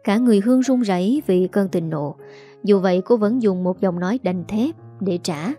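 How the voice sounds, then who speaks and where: A woman's voice: mid-range voice, moderate pace, warm tone, faint music behind. A woman narrating a family drama story in a dramatic storytelling manner.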